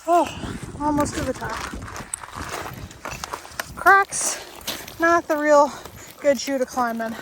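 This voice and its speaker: High-voiced American woman in roaring wind. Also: slow pace, long pauses. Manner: chatty, talks cheerfully to her dog. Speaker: vlogger. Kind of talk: casual outdoor vlog narration. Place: outdoors on windy desert hills. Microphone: handheld phone. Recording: loud wind buffeting phone mic.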